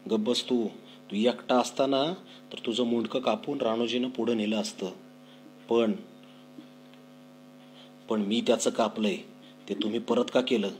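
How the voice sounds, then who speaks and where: A man voicing an angry, hot-headed young villager who shouts accusations at his father. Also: mid-range voice, steady tone, measured pace, long pauses, a little hiss or hum, close to an everyday voice. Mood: scornful.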